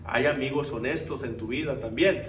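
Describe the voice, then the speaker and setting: A man's voice: medium pitch, normal speed, fairly bright tone. A man preaching a sermon in a church, emphatic, repeating his phrases and calling his listeners brethren. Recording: echoey church room, mic far off.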